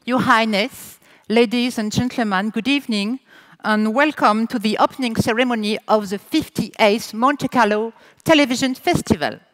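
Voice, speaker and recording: Standing on a festival stage, a French-accented woman kicks off the opening ceremony with playful, teasing jokes in both French and English. Her voice sits fairly high, her delivery is deliberate, and there's no echo.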